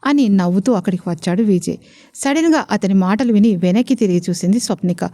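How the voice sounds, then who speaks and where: A woman's voice: medium pitch, a little fast, warm tone. A woman narrating a romance audio story, telling it steadily and voicing every character herself.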